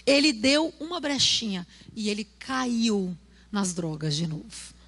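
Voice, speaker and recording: A woman pastor with a Brazilian Portuguese accent preaching a sermon at a church service, telling stories and acting out quotes, at times rising to a shout. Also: mid-range voice, unhurried, breathy edge.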